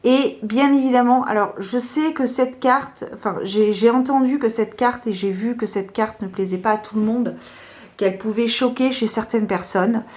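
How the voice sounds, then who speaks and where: A woman casually showing her favourite tarot cards, talking hesitantly with many fillers. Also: fairly high pitch. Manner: slow, soft-spoken. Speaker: tarot vlogger.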